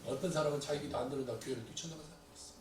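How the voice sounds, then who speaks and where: A man preaching a sermon as pastor to his congregation, swinging between loud pleas and quiet asides. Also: medium pitch, rapid-fire. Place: church sanctuary. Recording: echoey church hall from a distant mic, faint room noise.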